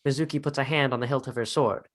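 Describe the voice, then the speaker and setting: A man talks fast with fairly even intonation and a mid-range pitch, narrating a scripted drama. He voices the scene headings and stage directions.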